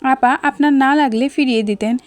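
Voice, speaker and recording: A woman voicing a stubborn, defensive male restaurant waiter in an audio story, speaking in a flat, matter-of-fact way. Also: high voice, moderate pace, no echo, close to an everyday voice.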